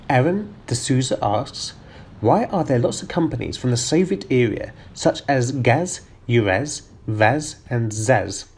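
A man's voice: mid-range voice, a little mellow, slight background noise. A man hosting a car channel, reading out viewer questions and answering each one with plain, methodical explanations.

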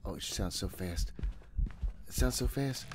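This fairly low-pitched man sounds animated yet unhurried, with a noisy background. In his thirties, he's streaming a horror game from a small room at home, talking to himself in a jittery way and swearing frequently.

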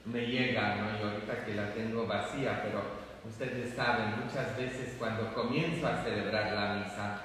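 A priest, giving a chatty, humorous homily in a large empty church. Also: male voice, on the low side, steady tone, a bit bright, a little hiss or hum. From Poland. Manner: slow, chatty and humorous, many fillers. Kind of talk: conversational homily. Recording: echoey church hall from far off.

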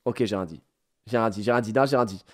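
A man streaming a casual reaction, animated, slangy and joking, often crude. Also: fairly low pitch, quick pace.

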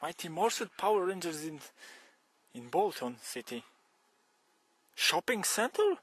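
Young polish cyclist, heavy accent, halting broken english, husky, slow and lively pitch, outdoor phone-camera sound. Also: male voice, no room sound. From Poland. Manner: broken English, exclamations of shock. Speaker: cyclist vlogger. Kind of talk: comic one-sided phone call. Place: outdoors on a forest trail and fields. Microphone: camera held close at arm's length.

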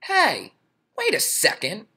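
A whiny young schoolboy from a storybook, pestering and insistent. The voice sits very high and bright and jumps around a lot. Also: male voice, huge pitch swings, slow, gravelly, slightly rough, exaggerated voice. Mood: indignant. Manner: insistent, repeats himself.

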